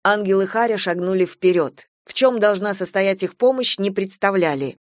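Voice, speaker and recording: A woman reading a comic story aloud, narrating in a lively, ironic way. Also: mid-range voice, moderate pace, no echo, studio quality. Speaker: audiobook narrator.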